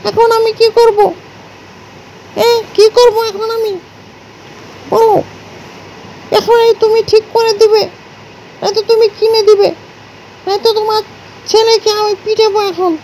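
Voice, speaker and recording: Woman, very high voice, mock-scolding pet dogs, quick repeated threats, faint road noise behind. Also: low-quality recording. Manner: scolds with rapid repeated threats, then coaxes softly. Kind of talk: playful scolding of pets on camera.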